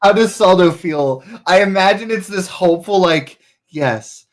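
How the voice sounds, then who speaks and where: A man's voice: sits high, normal speed. A man bantering casually and playfully as the game master of a tabletop role-playing game. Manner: animated, playful.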